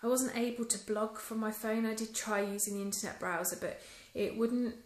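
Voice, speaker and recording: A woman with a fairly high, steady voice talks a little fast into a phone at arm's length for a casual review vlog. She's chatty, says um a lot, and sounds mildly let down, and the poor-quality audio has a reverberant quality.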